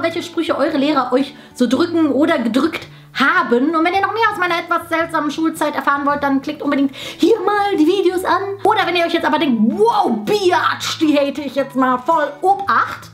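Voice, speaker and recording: A woman's voice: very high voice, normal speed, hardly any pauses. A woman in her twenties hosting a scripted comic vlog, speaking to camera in a playful, ironic way. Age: 20s. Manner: playful, ironic, animated delivery. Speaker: video host. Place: small furnished room with bookshelves.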